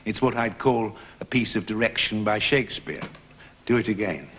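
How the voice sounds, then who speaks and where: A man teaching verse speaking to actors, calm and precise in how he explains. He sometimes taps out the beat of a line. His voice sits a little low. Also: moderate pace, a little hiss or hum.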